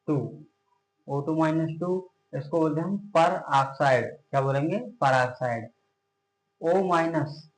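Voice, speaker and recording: A man teaches a science lesson at a board. His voice sits a little high and echoes around a bare room. He drills his points by asking a question and then answering it himself, stretching out each key term. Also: a little mellow, slight background noise. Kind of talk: classroom chemistry lecture at a board.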